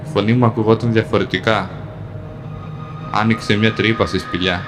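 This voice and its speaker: A man reading a dark first-person fantasy tale in a calm, measured way, in short plain sentences. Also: fairly low pitch. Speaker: storyteller. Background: music.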